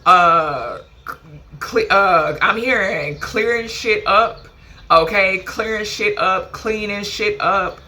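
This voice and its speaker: A woman's voice: medium pitch, slow, pushed and bright. A woman giving a casual channeled card reading to her viewers, chatty and emphatic, ending nearly every phrase with a questioning "okay?". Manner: emphatic, swears casually, calls viewers "baby" and "honey". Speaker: spiritual card reader.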